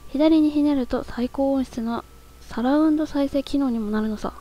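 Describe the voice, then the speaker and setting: A woman reading the lines of a calm, confident male space detective in a game, in a composed, lecturing manner. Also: high voice, normal speed, natural voice.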